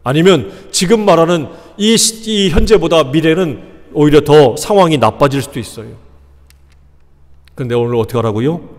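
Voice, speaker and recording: A male pastor preaching a sermon, animated, asking the congregation rhetorical questions and acting out quoted lines. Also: on the high side, moderate pace. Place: church sanctuary. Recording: long church reverb.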